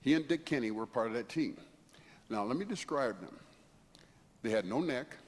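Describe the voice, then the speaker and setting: Older man in his seventies, mid-pitched, spinning chatty anecdotes, echoing church hall. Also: animated, moderate pace. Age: 70s. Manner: rambling, chuckling, conversational with frequent asides. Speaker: guest speaker. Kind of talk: anecdotal storytelling talk. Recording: long hall reverb, faint background noise.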